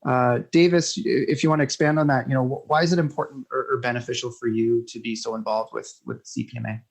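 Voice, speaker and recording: A man's voice: medium pitch, steady tone, fast talker, creaky. A man hosting a podcast interview, asking questions in a friendly, informal way with frequent fillers and restarts. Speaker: podcast host.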